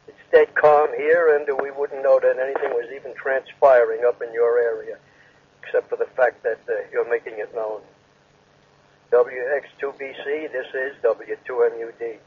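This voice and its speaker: Male ham radio caller, mid-pitched and raspy, check-in report on muffled two-way radio. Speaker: amateur radio operator calling in.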